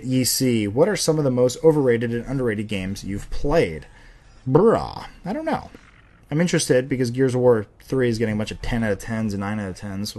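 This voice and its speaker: Low-ish and darkly toned, this young man in his twenties runs an informal Q&A for his viewers. His answers wander, the cursing flows freely, and he keeps running himself down.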